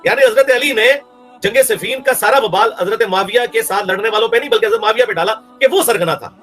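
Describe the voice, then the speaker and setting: Man, Pakistani Urdu accent, high voice, angry religious rebuttal, scornful, faint music behind. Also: a bit bright. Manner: heated, scornful, insulting. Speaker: religious speaker.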